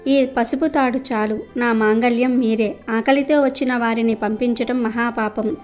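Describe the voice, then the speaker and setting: A woman reading the part of a devoted wife in a devotional storybook, gentle yet firm. Her voice is fairly high, over quiet music. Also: steady tone, a little slow, close to an everyday voice. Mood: resolute.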